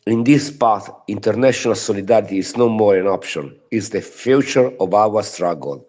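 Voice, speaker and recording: Speaking broken English with an Italian accent, this native Italian man from Italy delivers a prepared statement of trade union solidarity. He has a fairly low, slightly mellow voice and talks at a normal speed.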